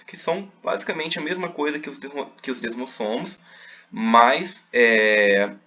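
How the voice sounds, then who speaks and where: A man's voice: medium pitch, a bit bright, lo-fi sound. A man teaching a recorded class, explaining step by step with many fillers.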